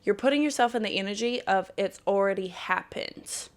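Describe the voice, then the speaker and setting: A woman's voice: mid-range voice, normal speed. A woman in her thirties hosting a casual solo podcast, talking candidly, swearing freely and laughing often. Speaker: podcast host.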